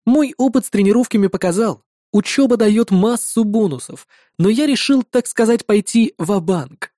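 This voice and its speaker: Male audiobook narrator, wry first-person telling, warm dark tone, dry close sound. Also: high-pitched, moderate pace, no echo. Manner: lively first-person storytelling with wry asides.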